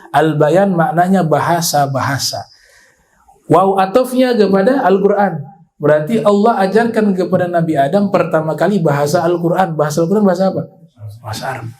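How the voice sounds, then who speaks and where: A man giving an Islamic religious lecture, explaining at length and reciting Arabic verses slowly. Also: on the high side, a little mellow, rough recording. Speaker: Islamic preacher.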